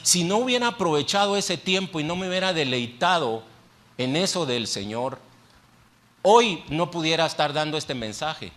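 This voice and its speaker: A man's voice: a little high, animated, normal speed, fairly bright tone. A male pastor preaching a sermon in a church, talking conversationally, putting questions to the congregation and repeating phrases for emphasis. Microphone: handheld microphone.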